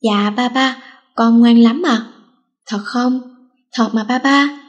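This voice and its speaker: A woman's voice: fairly high pitch, steady tone, slow pace. A woman voicing a cheeky, insolent schoolgirl who talks back with teasing, offhand remarks. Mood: nervous.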